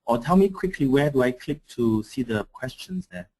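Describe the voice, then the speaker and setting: A man's voice: medium pitch, animated, normal speed, darkish tone, breathy edge. Hesitant man giving a webinar. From Singapore. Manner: hesitant, with many fillers and restarts. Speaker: coaching trainer. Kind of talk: webinar presentation. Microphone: computer mic on an online call.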